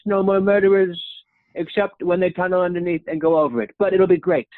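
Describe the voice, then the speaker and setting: In a comedic impression sketch, a young man imitates a boastful male president who rambles, praises himself, and keeps ending lines with "okay?" in a dropping pitch. His intonation is fairly even and his pace brisk. The recording is dry and tinny, like a phone.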